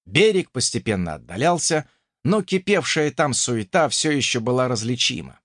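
Sex: male. Role: audiobook narrator. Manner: expressive, lively pitch. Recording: dry and close. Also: moderate pace, no echo. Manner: expressive storytelling. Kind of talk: first-person audiobook narration.

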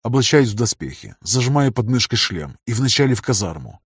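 A man narrating a first-person fantasy audiobook in a measured, even reading. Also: medium pitch, slightly rough, dry recording, studio quality.

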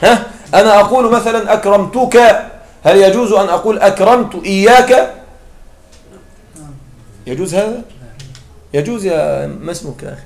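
A man teaching an Arabic grammar class. He keeps checking in with his students with short questions and slowly spells out his example phrases. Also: high voice, vocal fry. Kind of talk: classroom lecture. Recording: echoey room with faint noise.

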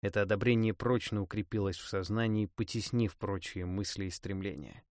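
A man narrating a first-person fantasy audiobook in a dramatic, expressive reading. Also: on the low side, a little fast, no echo, studio quality.

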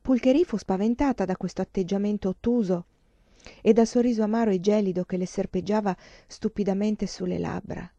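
A woman narrating a novel in a calm, measured reading voice, in a dull lo-fi recording. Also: mid-range voice, creaky, no room sound. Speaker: reader. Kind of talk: audiobook narration.

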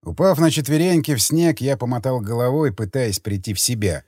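A man narrating a thriller audiobook in the first person, with expressive, tense storytelling. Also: medium pitch, brisk, no room sound, clean studio sound.

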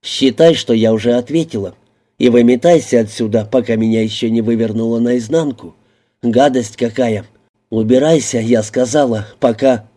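A defiant young woman, scared but snapping back with sharp, indignant retorts, as a male reader puts her on. The voice stays very dark and mellow beneath a slightly raised pitch, the way an audiobook reader would shade a character. Her lines come in short bursts that are often cut off. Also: normal speed, natural voice. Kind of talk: audiobook reading.

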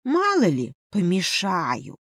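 A woman voicing a grumpy, cheeky little male winged mouse familiar in an audiobook, speaking in a slow, sarcastic drawl. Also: fairly low pitch, huge pitch swings, a bit bright, no echo, clean studio sound, heavily acted. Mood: smug.

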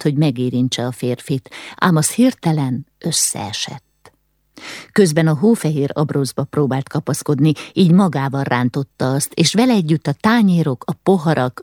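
A woman reading a novel aloud in measured, steady audiobook narration. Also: deep voice, no room sound, clean studio sound.

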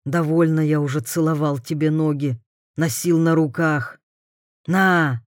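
A tearful, self-pitying husband, as a woman puts him on in a lowered voice. He whines over his losses and lashes out in shrill, bitter bursts. It is heard close and dry, with slow, dragged phrasing. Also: fairly even intonation, dry recording. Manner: whining, then shrill outbursts. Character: petty ruined husband, weak, tearful, self-pitying man.

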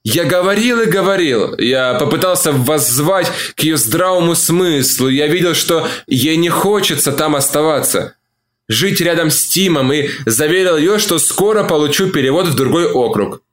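A man narrates a novel in the first person, steady and measured like a practiced audiobook reader. His voice sits a little above the usual male range. The delivery stays composed and even. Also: on the high side. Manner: measured, calm storytelling.

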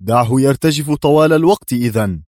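A man's voice: lowish voice, fairly quick, a little mellow, dry recording, studio quality, natural voice. A man voicing a stern, commanding male defense secretary who speaks curtly and severely in an audiobook thriller. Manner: curt and severe.

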